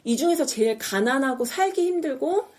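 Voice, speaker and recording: A woman's voice: high voice, expressive, normal speed, a little mellow. A woman podcast host in a casual chat, animatedly retelling a TV drama and acting out its lines.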